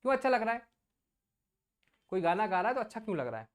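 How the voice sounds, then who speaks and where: A woman's voice: mid-range voice, very animated, fast. A woman teacher giving an exam coaching lecture, casually explaining with everyday examples and asking the class questions she answers herself.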